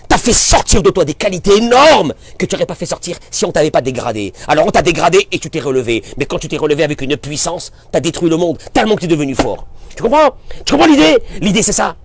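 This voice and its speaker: A rabbi giving an impassioned sermon, swinging from quiet talk to shouting and acting out exchanges his listeners. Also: on the high side, animated, fast talker, husky. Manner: acts out dialogue with listeners, addresses them familiarly. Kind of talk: animated sermon.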